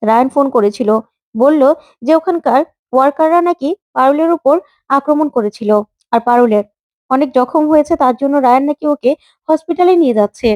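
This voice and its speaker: A woman's voice: high-pitched, a little fast, darkish tone, no room sound, close to an everyday voice. A woman voicing a worried young female assistant in a retold story, in an urgent, reporting manner.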